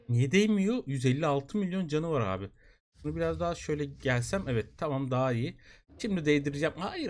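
A young man doing jokey, excited commentary while playing a survival game, often exclaiming and repeating short phrases. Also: fairly high pitch. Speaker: gaming YouTuber. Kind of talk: excited Let's Play commentary.

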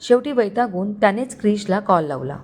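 A woman storyteller narrating a story in a steady, dramatic way. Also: medium pitch, fairly quick.

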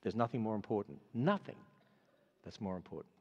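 An older man with an Australian accent closes a sermon and then makes announcements in a large auditorium, earnest and conversational with many fillers. His lowish voice is slightly rough, a little fast and lively in intonation. The sound is dull with long hall reverb.

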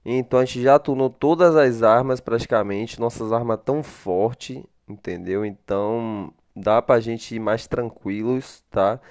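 A man's voice: medium pitch, unhurried, hardly any pauses, darkish tone, no room sound, clean studio sound. A man hosting a casual narrated gameplay video, chatting to his viewers and answering his own questions. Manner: chatty, talks to himself in a back-and-forth, blesses viewers. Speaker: gaming channel host.

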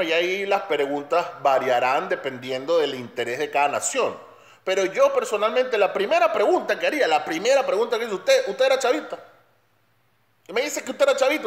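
A man delivering a blunt, emphatic opinion monologue. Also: high-pitched. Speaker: commentator. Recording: roomy echo.

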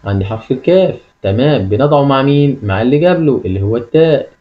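A man's voice: mid-range voice, expressive, fast, dull audio. A man with an Egyptian Arabic accent teaches a lesson, repeating key phrases and asking the listener questions. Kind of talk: classroom-style lesson.

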